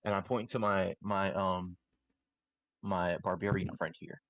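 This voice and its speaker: A man's voice: deep voice, steady tone, measured pace, fairly bright tone, dry recording, poor audio. A man playing in a tabletop game who tells his character's actions in a rambling way, full of "like" and restarts. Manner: rambling, many likes and restarts. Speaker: player.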